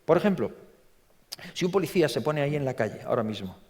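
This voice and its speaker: Animated preacher from in a big hall. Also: male voice, a little high, fast talker. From Spain. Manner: animated, repeats words, acts out quotes in a story. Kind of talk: sermon. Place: large church. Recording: long reverb from a church hall.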